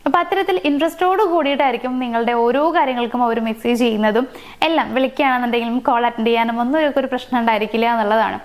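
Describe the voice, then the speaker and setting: A woman's voice: fairly high pitch, racing. A woman talking casually to her viewers, explaining relationship signs point by point, with fillers and restarts along the way. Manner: explains in numbered points with fillers and self-corrections. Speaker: relationship advice host. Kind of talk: casual advice talk to camera.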